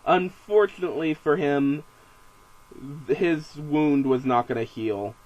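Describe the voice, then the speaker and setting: Young man, game master recap, rambling, amused, fairly high voice, dull lo-fi recording. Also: unhurried, a little mellow. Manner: rambling and amused, with fillers and self-corrections. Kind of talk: casual spoken recap of a game session.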